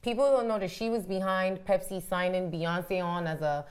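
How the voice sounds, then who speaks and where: A woman's voice: on the low side, fairly even intonation, normal speed, background noise. A woman from Ghana co-hosting a casual panel chat, telling stories with many "like"s and frequent laughs. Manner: chatty, storytelling, laughs often. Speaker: co-host.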